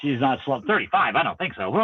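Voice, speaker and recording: Animated man telling a story. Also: fairly high pitch, husky, highs cut off. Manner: animated, acts out dialogue in his stories. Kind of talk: casual storytelling chat.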